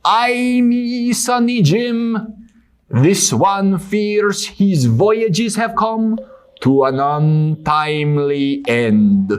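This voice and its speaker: A man's voice: high-pitched, expressive, extremely slow, clear, resonant tone, full character voice. A man voicing a self-important sailor adventurer in a theatrical puppet show, grandly speaking of himself in the third person. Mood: despairing. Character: dramatic adult male sailor adventurer puppet, self-important, prone to despair.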